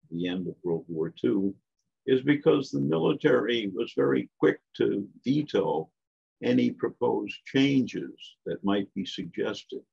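Slow gravelly older male lecturer. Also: low voice, a little mellow. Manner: measured, emphatic, with frequent asides. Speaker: guest lecturer. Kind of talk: academic history lecture. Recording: dull lo-fi lecture recording.

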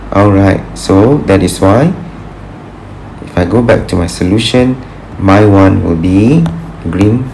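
A man's voice: low voice, creaky, a little mellow, a little hiss or hum, poor audio. A man teaching an engineering tutorial over a screen recording, patient and thinking aloud with fillers as he works through problems. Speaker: engineering lecturer.

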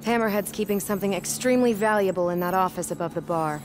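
A woman's voice: medium pitch, fast, background noise, natural voice. A woman playing a sly, flirtatious cat burglar in a video game, guarded, with a cool teasing manner. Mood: serious. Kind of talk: video game cutscene acting. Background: game music.

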